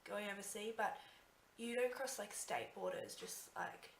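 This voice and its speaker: A woman's voice: medium pitch, fairly even intonation, a little slow. A young Australian woman chatting casually to her vlog viewers in an informal, rambling way, often interrupting herself. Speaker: travel vlogger. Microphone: handheld phone. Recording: echoey, noisy handheld phone recording.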